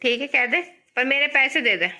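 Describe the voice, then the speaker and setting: A woman, her voice high and bright. She keeps pressing and accusing in a prank-style home vlog, often breaking into laughter. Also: animated, normal speed. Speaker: vlogger.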